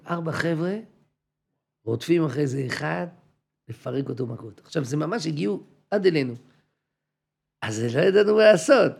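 Male religious teacher, informal class, husky voice, acts out exchanges, repeats for emphasis. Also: a little high, a little mellow. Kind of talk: informal Torah class to a group.

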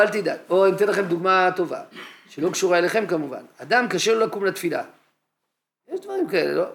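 Male yeshiva teacher, higher gravelly voice, anecdotal humorous lecturer. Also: a bit bright. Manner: anecdotal, acts out scenes. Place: yeshiva study hall.

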